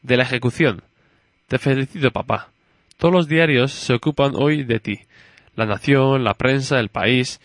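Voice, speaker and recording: A man's voice: mid-range voice, moderate pace, no echo, close to an everyday voice. A man reading a story aloud and voicing a curious, chatty little girl who keeps questioning her father. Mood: innocent curious.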